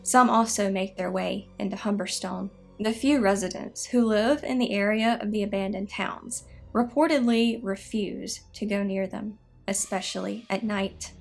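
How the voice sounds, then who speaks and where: A woman narrating scripted spooky history stories in a measured, explanatory way. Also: medium pitch, fairly even intonation, gravelly, soft background music. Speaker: narrator of a haunted history show.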